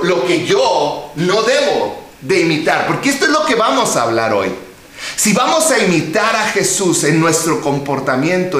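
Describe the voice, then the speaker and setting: Echoey, high-voiced preacher. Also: male voice, fairly bright tone. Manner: emphatic preaching with rhetorical questions and drawn-out words. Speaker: pastor. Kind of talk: sermon. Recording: very echoey hall.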